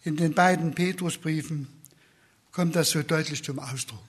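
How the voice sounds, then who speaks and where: A man preaching a sermon in a slow, earnest way, dropping to a soft whisper for repeated questions. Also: fairly high pitch, slightly rough.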